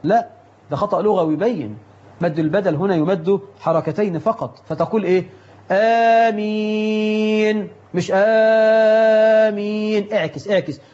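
A man preaching in an Egyptian Arabic accent, giving a religious lesson on prayer in a lively, rhetorical way that mixes classical and colloquial speech. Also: high voice, fast, dull audio.

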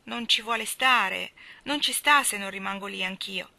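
Woman narrator as a soft-hearted young mother, coaxing, storybook. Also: mid-range voice, moderate pace, vocal fry, no echo. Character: young gentle mother, tender and lively. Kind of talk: audiobook reading.

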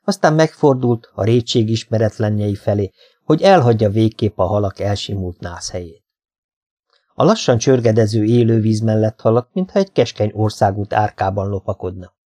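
A man narrating a literary audiobook in a calm, measured way. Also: fairly low pitch.

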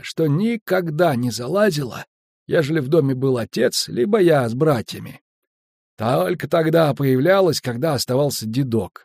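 Guy putting on a chatty rustic skipper, folksy rambling, pitched up, dry sound. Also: gravelly, darkish tone, no room sound.

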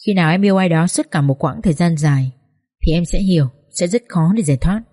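A woman voicing a quietly heartbroken young male doctor in a storybook reading, earnest and gentle. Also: lowish voice, quick pace, husky.

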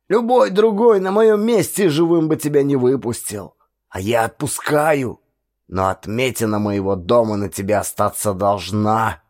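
A man doing a gruff, stern village householder. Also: mid-range voice, darkish tone, natural voice. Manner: gruff, scornful and commanding. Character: stern proud older male village householder.

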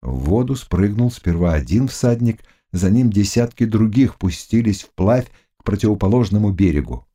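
Man reading a novel with lively pitch. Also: normal speed, hardly any pauses. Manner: expressive, dramatic reading. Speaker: audiobook narrator. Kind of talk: scripted narration of a classic novel.

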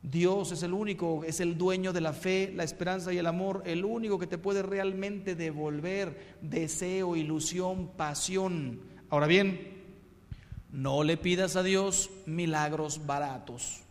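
A middle-aged Mexican man, a priest, giving a humorous sermon with lively, punchy storytelling in a hall. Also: high-pitched, a little slow. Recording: long hall reverb.

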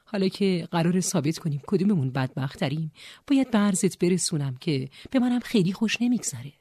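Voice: mid-range voice, sing-song, darkish tone, no room sound, studio quality, pitched above the performer's own voice. A narrator voicing a bitter, resentful young man, a former band drummer, who talks angrily and sarcastically in an audiobook. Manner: angry, sarcastic, raised voice. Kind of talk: audiobook character voice.

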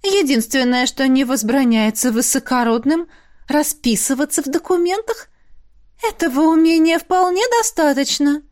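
A woman's voice: normal speed, darkish tone, lightly acted. A woman voicing a haughty young noblewoman concubine who turns whiny and frightened. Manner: high, haughty, then whimpering.

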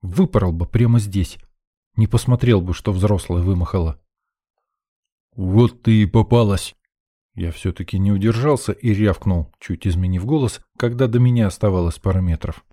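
A man narrating an audiobook in the first person, with a gruff, sardonic manner. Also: low voice, a little fast, mellow, no room sound, clean studio sound.

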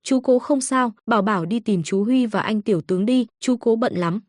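A woman's voice: on the high side, moderate pace, darkish tone, no echo, clean studio sound, natural voice. A woman voicing a worried, kindly male hospital director, in a plain, questioning way.

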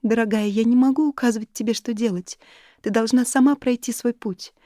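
A soft, tender friend, put on by a woman reading a novel, her voice lifted and kind. It has a warm, mellow color. The recording is dry and close. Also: fairly high pitch, fairly even intonation, brisk, no room sound, voice pushed up, close to an everyday voice. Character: gentle, affectionate older woman friend. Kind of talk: audiobook character reading.

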